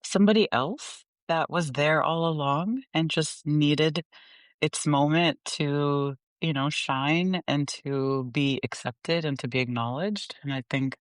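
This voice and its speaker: A woman guest who grew up in the Gulf, Pakistan and the US, talking candidly and reflectively in an interview, laughing softly between thoughts. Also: low-pitched, no room sound. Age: adult. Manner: reflective, unhurried, laughs softly mid-sentence.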